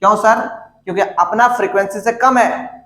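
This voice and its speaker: A man's voice: high-pitched, normal speed, a bit bright. A male teacher giving a classroom lecture, repeating and dictating terms to his students and asking them questions. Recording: echoey classroom.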